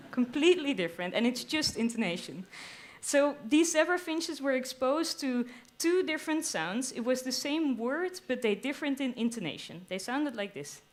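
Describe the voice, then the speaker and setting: A young woman with a fairly high voice talks on a live stage, explaining her science to a crowd with enthusiasm. She delivers it as a lively, explanatory talk, with playful little asides. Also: moderate pace. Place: live stage at a theater venue.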